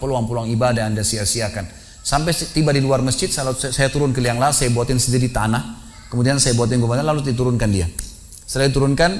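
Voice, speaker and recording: A male preacher speaks quickly, in an animated storytelling style, acting out the people he describes. He breaks into sudden loud, emphatic bursts as he addresses a congregation in a mosque hall. His voice sits at a middling pitch. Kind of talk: sermon.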